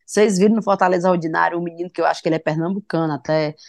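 A woman's voice: fairly low pitch, fairly even intonation, rapid-fire, gravelly, darkish tone, no echo, clean studio sound. Chatty woman. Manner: chatty, retells viral videos. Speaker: podcast co-host. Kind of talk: casual chat among friends.

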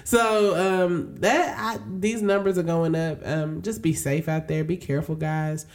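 A woman's voice: fairly low pitch, fairly even intonation, measured pace. Sassy playful woman. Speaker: co-host. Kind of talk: casual chat.

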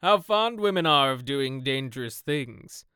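A worldly aristocrat who drawls his epigrams with lazy amusement. A man voices him in a smooth, dry tone, slightly lighter than his own. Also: medium pitch, expressive, a little slow, pushed and bright, dry recording. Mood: amused, cynical. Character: witty, cynical aristocratic gentleman.

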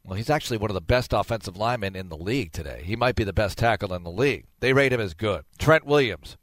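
A man's voice: lowish voice, expressive, quick pace, dry recording. A middle-aged man hosting a sports talk show, speaking conversationally and emphatically with rhetorical questions. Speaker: sports radio host.

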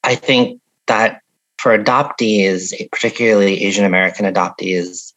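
A woman's voice: extremely low pitch, steady tone, moderate pace, fairly bright tone, highs cut off. A woman from upstate New York speaking on a panel in a thoughtful, hesitant way with many "um"s. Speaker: panelist, advocacy director. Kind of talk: panel discussion.

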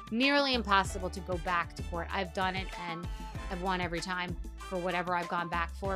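A woman giving explanatory commentary as a host, putting deliberate stress on key words. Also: lowish voice. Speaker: podcast host, family law commentator.

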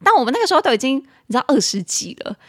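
Young woman podcast host, taiwanese mandarin accent, spells words out slow, laughy storyteller. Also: high voice, sing-song, fairly bright tone, dry recording, studio quality. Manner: spells words slowly, laughs while telling stories. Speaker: podcast co-host teaching English. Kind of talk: casual chat with English lessons.

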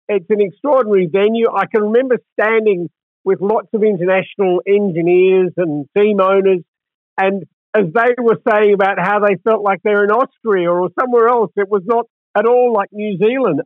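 A man's voice: high-pitched, no echo. A man in his seventies hosting a conversational interview in a wordy way. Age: 70s. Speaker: interview host. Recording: thin, tinny phone-like line.

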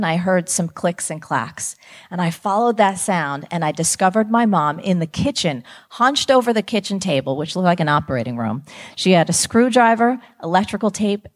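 Lively woman telling a story. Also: fairly low pitch. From New Jersey. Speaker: motivational speaker. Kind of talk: storytelling talk to students.

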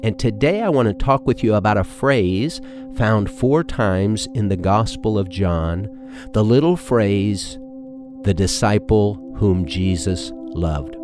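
Earnest pastor over soft music. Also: male voice, lowish voice, lively intonation, takes it slowly. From Texas. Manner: earnest, conversational preaching with rhetorical questions. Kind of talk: podcast sermon. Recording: with background music.

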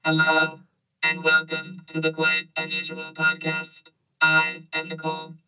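A woman putting on a flustered female robot voice, with a flat, robotic drone that turns nervous and pleading. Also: sits low, measured pace, muffled recording, over loud music, voice pushed down. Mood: deadpan robotic. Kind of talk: comic bit on a chat podcast.

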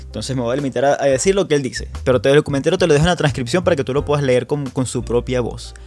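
A Venezuelan man with a Venezuelan Spanish accent talks quickly in a mid-range, darkish voice as the host of a tabletop gaming podcast. He keeps it chatty and relaxed, often restarting and repeating himself, while soft music plays underneath.

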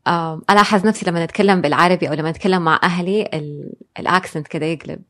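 A woman talks as an interview guest in a slightly low voice. She speaks reflectively and slips English phrases into her sentences. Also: racing, fairly bright tone. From Saudi Arabia. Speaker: guest, designer and blogger. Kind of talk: casual interview conversation.

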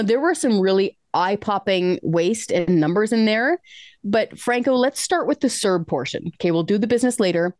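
A woman's voice: medium pitch, darkish tone, no room sound. A Canadian woman hosts a talk interview, reacting with incredulous, exasperated questions. Her mid-range voice comes across dry and close, with no room sound. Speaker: radio show host. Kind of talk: casual radio interview.

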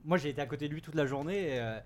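A man's voice: fairly high pitch, rapid-fire. A man telling an amused story in a casual podcast chat. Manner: amused storytelling, laughing often.

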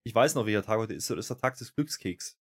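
A man's voice: on the low side, expressive, fast. Dry-joking man co-host. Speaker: podcast co-host. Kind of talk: casual wrestling recap chat.

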